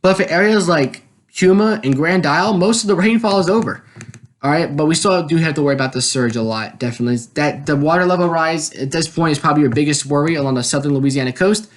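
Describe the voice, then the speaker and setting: American male weather streamer, fairly high-pitched, explanatory live commentary with frequent check-in phrases. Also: fast. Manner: explanatory, often repeats check words like "all right". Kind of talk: live hurricane commentary over maps and radar. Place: indoors at a computer, screen-share voice-over.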